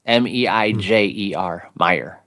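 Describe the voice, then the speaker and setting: A man's voice: on the low side, slow, fairly bright tone. A man co-hosting a casual live stream, dry and matter-of-fact. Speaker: co-host. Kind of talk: casual chat.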